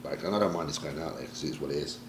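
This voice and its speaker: A British pro bodybuilder with a very deep voice talks very fast as a guest in a candid sit-down interview. He's emotional and reflective and swears casually. The recording has a roomy echo, faint ambience and a noisy background.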